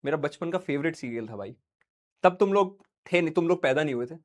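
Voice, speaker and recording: A man's voice: a little high, animated, fast. Joking male teacher lecturing casually. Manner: chatty, joking asides, asks class questions. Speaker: online teacher.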